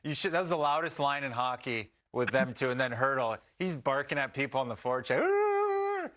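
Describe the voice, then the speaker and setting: A man's voice: medium pitch, fast, sharp tone. A man co-hosting, a former player, who jokes and tells stories, acting out quotes. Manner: joking, storytelling, acts out quotes. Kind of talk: casual chat.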